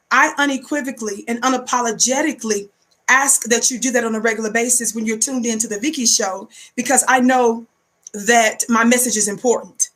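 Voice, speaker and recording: Emphatic American woman hosting, higher-pitched voice. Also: a bit bright. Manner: emphatic, repeats phrases in a preacherly call-out way. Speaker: online show host and broadcaster. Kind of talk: livestream talk show monologue addressed to viewers.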